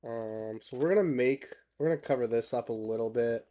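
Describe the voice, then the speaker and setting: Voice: medium pitch, fairly quick, mellow. A streamer from Canada chatting casually while playing a game, laughing often, swearing now and then and reading out chat messages. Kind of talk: casual gameplay commentary.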